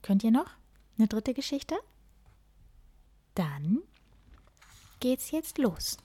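A woman reading children's stories aloud in a soft, often half-whispered voice. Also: fairly high pitch, sing-song, extremely slow, breathy edge, no echo.

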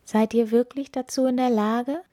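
A woman's voice: on the high side, steady tone, moderate pace, dark tone, voice pushed up, natural voice. Woman doing a sorrowful ice queen.

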